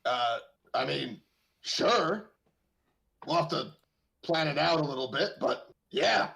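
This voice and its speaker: A man's voice: on the high side, animated, slow, creaky, pushed and bright. A man playing a tabletop game, chatting casually in a wry, blunt way.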